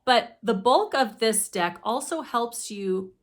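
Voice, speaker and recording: A woman speech therapist giving a deliberate, methodical instructional explanation of a teaching method. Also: a little high, expressive. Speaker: speech therapist presenting her own teaching deck.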